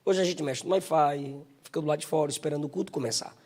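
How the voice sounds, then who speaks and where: A man from Bahia with a Bahian accent, preaching a live sermon at a church service. He builds up to shouting and sings out imitations of bell sounds. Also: fairly high pitch, fast talker. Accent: Bahian Brazilian Portuguese. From Bahia, Brazil. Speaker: pastor.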